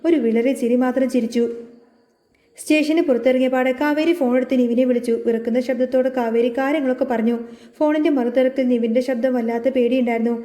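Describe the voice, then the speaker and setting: A woman narrates a serial's plot as a story, reading fast. Her voice sits high but soft and mellow. The sound carries the echo of a roomy space. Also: steady tone. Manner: reads the story aloud, voicing all characters in her own voice. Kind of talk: scripted narration.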